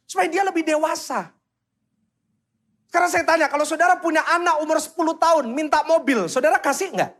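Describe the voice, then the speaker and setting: A man with a fairly high voice delivers a lively sermon in with a lilt. He preaches animatedly, firing questions at the congregation and briefly acting out voices to make his point. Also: a little fast. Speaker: pastor.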